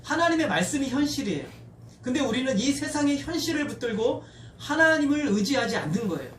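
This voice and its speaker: A male pastor delivers an earnest sermon in a high voice, calling his congregation to read scripture aloud with him. He sounds set back from the mic in an echoing church sanctuary, with faint noise behind him. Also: sing-song, a little fast, a bit bright, distant mic. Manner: earnest preaching, leads congregation in reading aloud.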